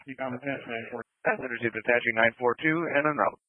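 Fast-talking male dispatcher on thin radio. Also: medium pitch, slight background noise. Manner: brisk police dispatcher delivery. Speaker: police and fire dispatcher. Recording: narrow, dry two-way radio.

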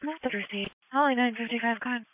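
A woman's voice: a little high, very fast, no room sound. A woman working as an emergency dispatcher, giving clipped procedural replies over ambulance radio. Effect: two-way radio. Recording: dry, narrow phone-like radio channel.

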